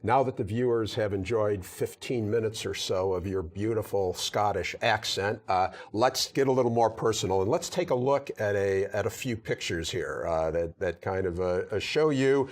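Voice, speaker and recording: A man hosts a TV interview, with a voice a bit lower than most. He asks curious, conversational questions and keeps things moving with short mm-hmms and rights. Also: normal speed, hardly any pauses. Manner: inquisitive, frequent mm-hmm backchannels. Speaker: TV interview host.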